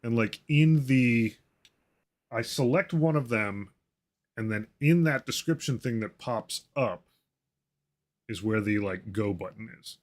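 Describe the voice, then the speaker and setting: A man's voice: mid-range voice, expressive, unhurried, long pauses. A man who designs games, talking through ideas at a casual work meeting and thinking aloud with lots of fillers and self-corrections. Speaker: game designer.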